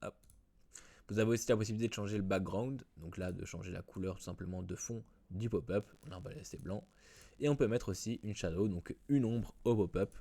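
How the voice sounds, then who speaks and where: A man walks through a software tutorial in a casual way, with many fillers and restarts. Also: fairly low pitch, a little fast, vocal fry. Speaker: WordPress tutorial host. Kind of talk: screen-recorded software tutorial.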